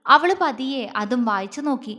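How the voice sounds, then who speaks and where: A woman storyteller reading a serialized love story with steady, measured narration. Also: sits high. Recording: long reverb.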